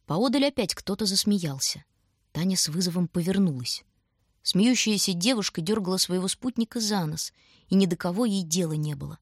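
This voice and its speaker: A woman narrating an audiobook in an even, measured storytelling voice. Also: on the low side, husky, dry recording, studio quality. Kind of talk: scripted narration.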